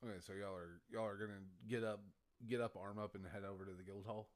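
Rambling low-voiced man as game master. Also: fairly even intonation, fast. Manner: rambling, self-correcting, laughs often. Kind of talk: running a tabletop game.

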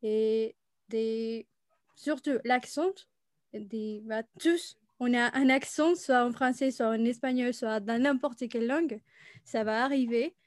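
A woman's voice: fairly high pitch, slow pace, dry recording, studio quality. A woman who teaches French, chatting casually with many fillers. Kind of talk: casual conversation.

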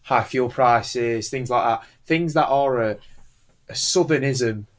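A man's voice: medium pitch, slow pace. A man with a northern English accent hosting a casual podcast, joking, swearing and asking follow-up questions. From northern England. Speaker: podcast host.

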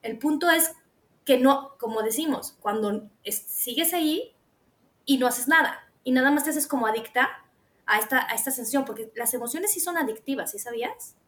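A podcast co-host with a Mexican Spanish accent tells stories in a lively, casual chat, playing out her own lines. She has a high voice and talks at a normal speed.

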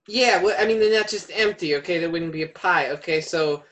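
A woman's voice: on the low side, brisk. Chatty woman improvising in a tabletop game. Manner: chatty, opinionated explaining. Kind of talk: improvised in-character casual chat.

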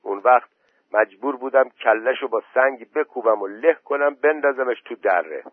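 A man's voice: mid-range voice, slightly rough, no room sound, voice pushed up, natural voice. A man voicing a stubborn village man who refuses everyone, recorded dry through a phone-like line. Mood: defiant. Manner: defiant, stubborn. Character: stubborn young village man, fond of a dog.

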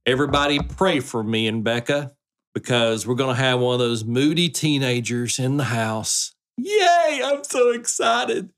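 A man's voice: medium pitch, normal speed, fairly bright tone. A middle-aged man hosting a casual podcast with his son, talking in a folksy, joking way. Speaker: podcast host, dad.

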